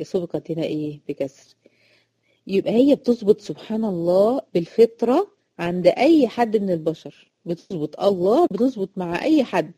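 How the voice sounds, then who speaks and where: With an Egyptian accent, a woman teaches Quran recitation to female students in a chatty way, repeating each rule and asking quick questions to check they follow. Her voice is fairly low, mellow, and slightly rough, captured in a dry recording.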